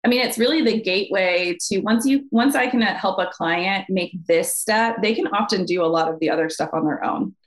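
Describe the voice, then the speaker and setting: A woman mental health counselor, a podcast guest, explaining calmly and walking through worked examples. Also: medium pitch, brisk, hardly any pauses. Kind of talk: podcast conversation.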